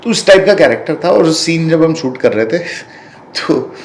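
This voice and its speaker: A man's voice: fairly high pitch, expressive, normal speed, slight background noise. Blunt, combative man in a roomy space. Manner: blunt, combative, mixes English phrases. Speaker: filmmaker guest. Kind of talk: heated interview talk.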